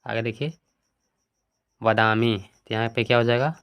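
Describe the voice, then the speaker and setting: A man teaching from a textbook in an ordinary middle-pitched voice. He asks a question and answers it himself at once, then works through the word forms aloud one after another. Crickets chirp in the background. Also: fairly even intonation, a little slow, a bit bright, clean tone. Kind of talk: explaining a textbook lesson.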